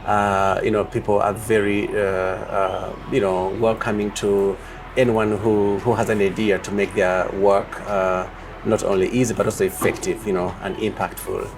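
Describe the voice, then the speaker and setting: A man from Uganda answering interview questions as a project leader, speaking in a measured way with many pauses and fillers. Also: fairly low pitch, level tone, noisy background.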